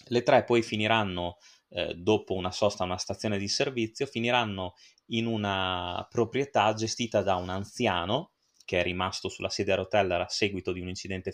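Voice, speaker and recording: A man's voice: fairly low pitch, a bit bright. A man hosting a film-review podcast, talking casually and digressively with frequent fillers and asides. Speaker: podcast host reviewing films.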